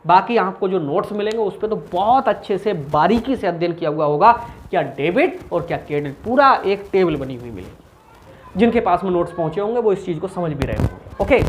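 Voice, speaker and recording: A man teaching commerce in an informal recorded lesson, asking questions and answering them himself. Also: high-pitched. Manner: animated, asks and answers his own questions.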